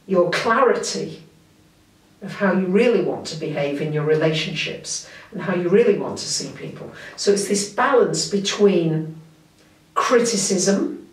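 A woman astrologer talks through a forecast at a slow, easy pace, with gentle, reflective delivery. Her voice sits in a middle range and is picked up from a little way off the mic. The room around her is noticeably echoey. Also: lowish voice, lively intonation. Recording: roomy, mic at a distance.

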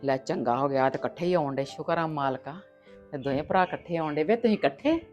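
An actress with a Punjabi accent playing a resolute aunt who muses aloud about setting the family right. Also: female voice, low-pitched, fast talker, dull audio, faint music behind, lightly acted. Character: determined aunt planning to fix the family. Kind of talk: village family web drama.

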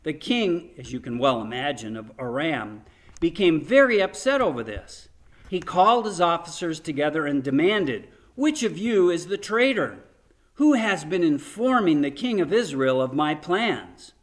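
An older pastor preaches from a room at home, seated before a framed painting and facing a webcam. In a fairly high, sing-song voice at normal speed, he retells a scripture story with earnest emphasis.

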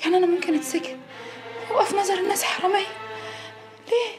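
A woman's voice: very high voice, very fast, reverberant. A sobbing accused young woman. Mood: fearful. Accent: Egyptian Arabic. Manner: pleading, frightened. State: crying. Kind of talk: TV drama acting. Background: music score.

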